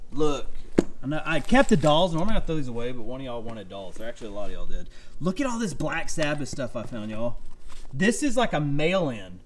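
A man in his thirties with a Texan accent, chatting excitedly to camera as he shows off storage unit finds, saying "y'all" and "look" a lot. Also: fairly high pitch, a little hiss or hum. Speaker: storage unit reseller vlogger. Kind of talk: casual chat to camera. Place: home room, then cluttered garage indoors.

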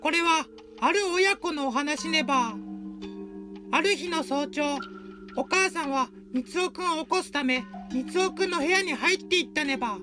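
Here a woman speaks in a natural, high-sitting voice at an ordinary pace. She plays a cheerful, cutesy mascot telling short stories, attaching an adorable verbal tic to each line. Light background music accompanies the upbeat delivery.

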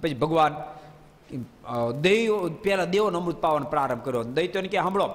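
A man giving a devotional storytelling sermon in a hall, lively and often quizzing his listeners with playful asides. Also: on the high side, a little fast. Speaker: preacher. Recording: long hall reverb.

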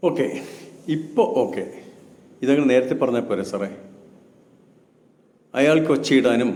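A man's voice: mid-range voice, darkish tone. A man giving spoken commentary and lecturing with rhetorical questions. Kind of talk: reaction commentary. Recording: roomy echo with long reverb.

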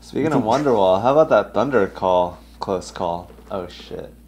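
A man hosting a live podcast from a hotel room, trading deadpan quips in casual comedic banter. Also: fairly low pitch, moderate pace. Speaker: podcast host.

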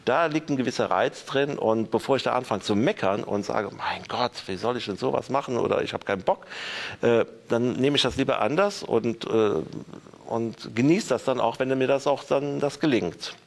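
A man's voice: medium pitch, moderate pace, vocal fry. A man in his fifties talking reflectively about his work as a musician in an interview. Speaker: orchestral musician, clarinet and saxophone player. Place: indoor theater costume room.

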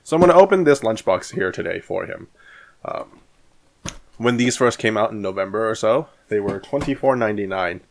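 A man's voice: on the low side, animated, normal speed, creaky. A man in his thirties hosting a card collecting vlog, chatting casually with many fillers and restarts, in a small room at home on a studio microphone. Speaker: card collecting channel host. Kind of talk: casual vlog and pack opening. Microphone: studio microphone on arm in front of him.

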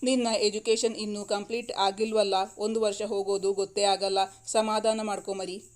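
A woman's voice: medium pitch, little pitch movement, normal speed, darkish tone, natural voice. A woman voicing a tender, reassuring young man in a read-aloud romance story, speaking evenly. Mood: soothing.

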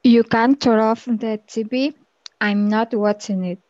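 Female student repeating lines on a dull online call, slow and mellow. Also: a little high, steady tone, dry recording. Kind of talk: repeating practice sentences. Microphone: computer mic on a video call.

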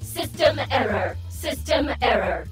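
A broken-down robot guardian with a robotic effect, droning its alerts slowly and flatly over and over. The voice sits high for a woman, and game music plays behind it. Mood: glitching. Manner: slow, flat machine-like repetition. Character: malfunctioning robotic guardian repeating error alerts.

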